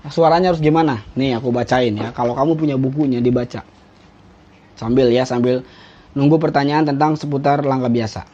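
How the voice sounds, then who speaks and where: A man's voice: medium pitch, fairly quick, mellow. A young man, casually teaching drill commands on a live stream, blunt and joking as he reads from a rulebook. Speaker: drill instructor. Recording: dull lo-fi live stream audio.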